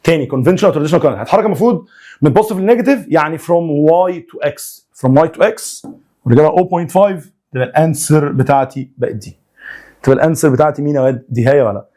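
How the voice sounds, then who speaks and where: Fast, coaxing Egyptian man teaching physics. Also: fairly high pitch, expressive, mellow. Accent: Egyptian Arabic. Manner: fast, coaxing and jokey, prods students to work along. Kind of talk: recorded online lecture, solving homework problems.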